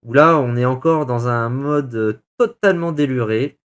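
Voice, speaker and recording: A man's voice: medium pitch, normal speed, fairly bright tone, clear, resonant tone. A man demoing a voice changer on a live stream, playful and chatty, his voice run through one filter after another. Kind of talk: casual live-stream product demo. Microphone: computer microphone.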